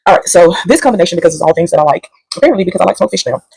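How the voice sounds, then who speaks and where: Sassy lady rambling thru a food review at home, talks quick, dry close sound. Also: on the low side, expressive, gravelly, darkish tone, slightly rough, no room sound, rough recording. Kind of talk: casual chatty food review.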